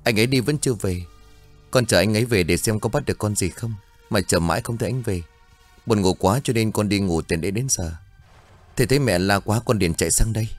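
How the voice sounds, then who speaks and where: A man's voice: fairly low pitch, a little fast, faint music behind, lightly acted. Man doing a scared young village son. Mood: worried. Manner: urgent, frightened calling.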